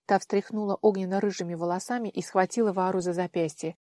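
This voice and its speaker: A woman's voice: mid-range voice, dry recording, clean studio sound. Woman reading a fantasy audiobook. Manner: expressive, measured. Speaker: audiobook narrator. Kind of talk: scripted narration.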